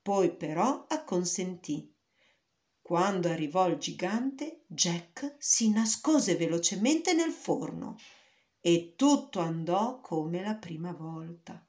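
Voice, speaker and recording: Slow, low-voiced woman reading a fairy tale. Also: expressive, darkish tone. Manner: slow, careful storytelling. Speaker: narrator. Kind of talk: storybook reading.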